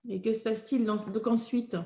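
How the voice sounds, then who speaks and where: A woman's voice: on the high side, fairly even intonation, a little fast, dark tone. A woman hosting a podcast, asking questions, recapping and commenting in a conversational way. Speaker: podcast host. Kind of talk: conversational interview. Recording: echoey room.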